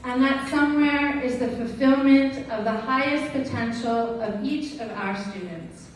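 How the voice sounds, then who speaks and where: A teacher performs slam poetry at a gala, reciting with acted teacher dialogue in a high, unhurried voice. Her delivery is deliberate, emphatic and dramatic, with pointed pauses. The large hall makes it very echoey, and the distant mic also catches faint noise.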